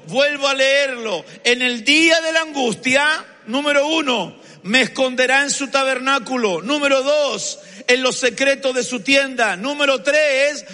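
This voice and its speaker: Male pastor, high bright voice, slow emphatic sermon, long hall reverb. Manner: emphatic, rising to fervent exhortation.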